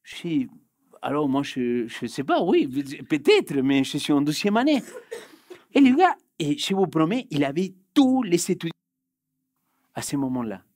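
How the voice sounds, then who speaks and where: A man's voice: a little high, sing-song, a little slow, no room sound, clean studio sound. Spanish-accented man preaching a sermon. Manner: swings between loud urgent bursts and hushed quiet passages. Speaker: pastor. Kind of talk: sermon with personal story. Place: church hall.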